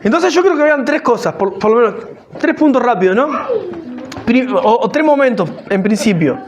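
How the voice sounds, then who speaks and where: A man's voice: very high-pitched, expressive, moderate pace, slight background noise. Pastor, man, chatty sermon delivery that builds up, restarts his phrases often. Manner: conversational preaching, rising to emphatic; frequent self-corrections and restarts.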